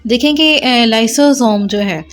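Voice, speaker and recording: A woman's voice: a little high, unhurried. A woman teaching biology at a whiteboard in a lecture style, explaining step by step, posing questions and answering them herself, and mixing English terms into her speech. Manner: mixes English terms into Hindi.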